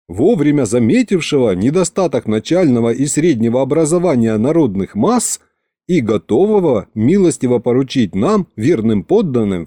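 A man doing a cheeky flattering young courtier. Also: mid-range voice, dry recording, clean studio sound. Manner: eager, flattering and excitable.

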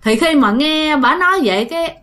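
A woman with a Southern Vietnamese accent tells a ghost story in a chatty manner, frequently speaking directly to her listeners. Her voice sits high and sounds fairly bright, expressive, and at a normal pace.

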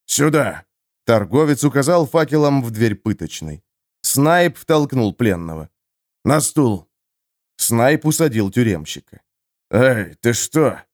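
A male narrator reads a gritty fantasy novel with dramatic, expressive phrasing at a mid pitch. The sound is close and dry, with no room echo. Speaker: audiobook narrator. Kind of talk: scripted narration.

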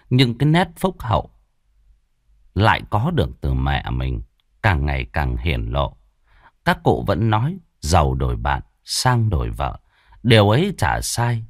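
A man narrating a ghost story in a measured, expressive way. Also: fairly low pitch, dry recording, clean studio sound.

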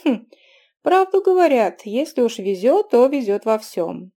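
A woman's voice: on the high side, big pitch swings, a little slow, warm tone, exaggerated voice. Woman voicing a cheeky broke young man. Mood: gleeful.

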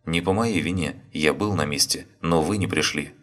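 A man voicing a worried husband who talks tensely and tries to stay calm. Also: very deep voice, moderate pace.

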